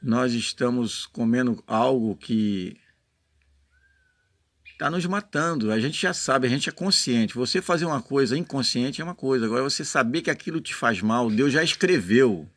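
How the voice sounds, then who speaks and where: A man's voice: medium pitch, animated, normal speed, fairly bright tone, no room sound. A man with a Brazilian Portuguese accent giving an informal sermon in an earnest, explanatory way, sometimes reading passages aloud and often adding short check-in tags to his listeners. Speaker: lay preacher.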